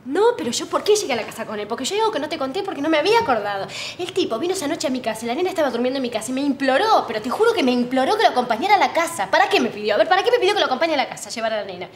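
A woman's voice: sits high, sing-song, racing, few pauses, echoey room. An actress playing a woman who insists on her suspicion of a murder, breathless and repeating herself. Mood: frantic. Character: frantic woman convinced of a murder. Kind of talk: telenovela acting.

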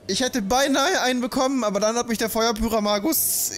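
A man's voice: very high voice, brisk, a little hiss or hum, pitched above the performer's own voice. A man voicing an eager, grateful young village boy in a video game.

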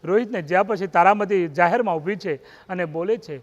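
A man's voice: high-pitched, brisk. A man with a Gujarati accent telling a devotional story as a sermon, dramatically voicing the characters' lines. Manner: dramatic, quoting characters in raised voice. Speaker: storyteller preacher. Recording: muffled, echoey hall.

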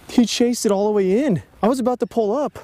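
A high-voiced young man chats excitedly as he fishes from a bass boat. His tone is mellow rather than bright. A boat-mounted action camera picks him up over faint outdoor noise. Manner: excitable, chatty, lots of exclamations. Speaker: fishing vlogger. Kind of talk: casual outdoor chat while fishing.

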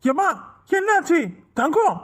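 A woman's voice: very high voice, animated, a little slow. A woman voicing a grieving village man in a cartoon, tearful and pleading over his lost mother and sister. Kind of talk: Tamil cartoon voice acting.

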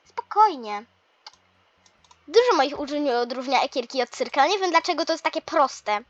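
A woman's voice: high-pitched, expressive, normal speed, dry recording, lo-fi sound. A woman voicing a patient young male math teacher in a toy role-play lesson, explaining step by step with mild teasing.

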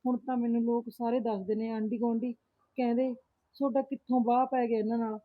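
A woman's voice: fairly high pitch, little pitch movement, brisk, no room sound, lightly acted. A young woman playing a distressed married daughter who pleads tearfully about her in-laws in a rural family drama. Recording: thin phone-like sound.

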